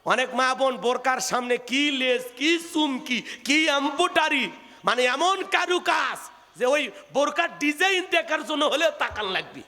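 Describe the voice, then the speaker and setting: A man preaching a humorous Bengali waz sermon, telling a story in a sing-song preaching cadence that swings between high calls and low storytelling. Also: expressive, a little slow, bright, forceful tone, in a large hall.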